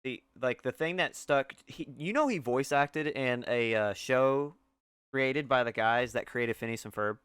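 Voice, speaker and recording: A man's voice: mid-range voice, unhurried, a bit bright, smooth, no echo. A young man co-hosting a casual film podcast, rambling with lots of fillers and restarts. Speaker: podcast co-host.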